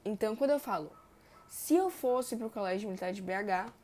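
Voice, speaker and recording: A young woman, teaching verb tenses in a chatty way and stretching example words slowly. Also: medium pitch, darkish tone, a little hiss or hum. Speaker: Portuguese grammar teacher. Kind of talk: explaining verb tenses on a board.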